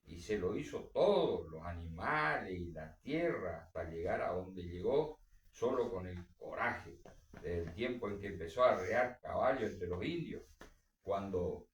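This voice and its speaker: A man reading a story aloud for a book club, dramatic, with strong swings in pitch and volume. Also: expressive, unhurried. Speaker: reader. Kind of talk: literary reading. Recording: roomy echo, distant mic.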